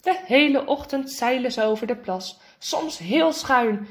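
A woman reading a children's storybook aloud in a lively way, acting out the characters' lines. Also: measured pace. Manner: lively, voices the characters' lines with raised pitch. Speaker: narrator.

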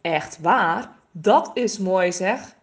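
A woman voicing a kind, friendly male forest ranger in a storybook, speaking slowly and soothingly. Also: on the low side, animated, pitched below the performer's own voice, heavily acted. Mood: kindly. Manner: slow, kindly, soothing.

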